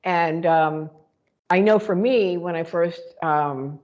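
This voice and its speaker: A woman's voice: on the low side, slow pace, darkish tone, dull audio. A woman co-hosting a spiritual talk show, reflecting aloud in a rambling way with many fillers and restarts. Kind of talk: casual spiritual conversation.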